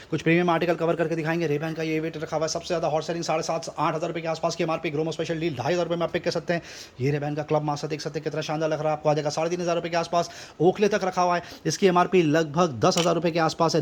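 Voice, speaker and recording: Fast, high-pitched man doing overeager teleshopping pitch. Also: slight background noise. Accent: Indian. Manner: overeager, hyping, repeats stock superlatives. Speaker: shop channel host presenting deals. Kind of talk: rapid-fire teleshopping sales pitch.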